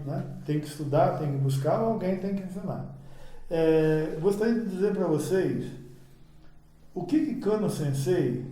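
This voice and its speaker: A man's voice: fairly high pitch, mellow. A man giving a slide lecture on judo, explaining patiently and often checking in with "né?". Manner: explanatory, frequent "né?" tag questions. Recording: echoey room, distant mic.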